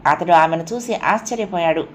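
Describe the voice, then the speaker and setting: A woman with a lowish voice narrates a novel in a steady, even storytelling way. A faint hiss runs under the reading. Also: brisk. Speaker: audiobook narrator. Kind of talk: scripted narration.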